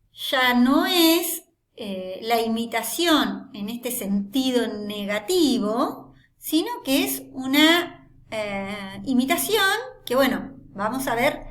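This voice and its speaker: A woman gives a philosophy lecture at an unhurried pace. Her fairly high voice rises and falls widely as she works through ideas with rhetorical questions. She keeps checking in with her listeners. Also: fairly bright tone. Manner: explains step by step with rhetorical questions and frequent tag "¿no?". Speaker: teacher.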